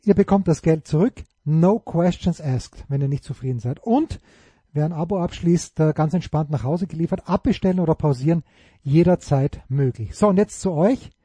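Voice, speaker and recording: Husky, dark-voiced man reading an ad. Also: a little high, moderate pace, no room sound. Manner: upbeat and salesy, addressing listeners directly. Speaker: ad reader. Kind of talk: sponsored ad read.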